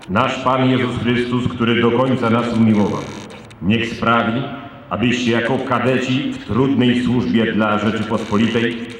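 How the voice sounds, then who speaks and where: Priest's solemn blessing, heavily echoing male voice. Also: medium pitch. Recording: very echoey square, long reverb, noisy.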